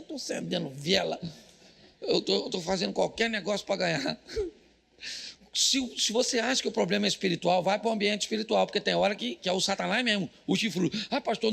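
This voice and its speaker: A middle-aged Brazilian man preaching a live church sermon, cracking jokes, shouting punchlines and quizzing the crowd. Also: high voice, gravelly, husky. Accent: Brazilian Portuguese. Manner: jokey, rapid-fire preaching with shouted punchlines and audience call-outs. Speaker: pastor.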